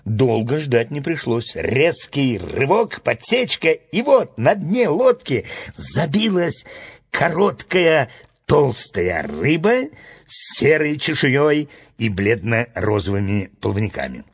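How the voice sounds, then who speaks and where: Male storybook reader, husky voice, slow and very lively delivery. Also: medium pitch. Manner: expressive, dramatic reading. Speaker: narrator. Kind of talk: storybook narration.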